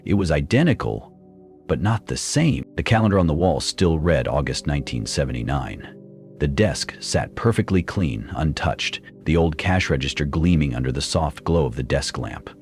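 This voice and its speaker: Man, very deep voice, scripted horror narration, tense delivery, faint music underneath. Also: animated, moderate pace, darkish tone. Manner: tense, dramatic storytelling.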